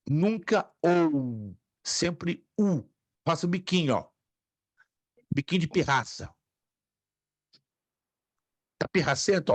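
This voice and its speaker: A man teaches a language class in a slow, deliberate way, with a fairly high voice. He drills each word by repeating it and teases his students gently. The sound is dry and close. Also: no echo. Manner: patient, drills pronunciations by repeating them; jokes lightly with students. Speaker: Greek teacher. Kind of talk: online lecture. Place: home office.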